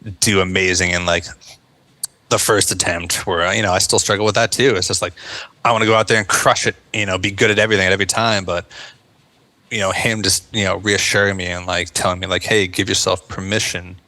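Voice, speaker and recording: A veteran turned actor from the United States appears as a podcast guest, talking fast in a deep, steady, sharp voice. In this casual interview he sounds earnest and reflective, with lots of fillers like "like" and "you know".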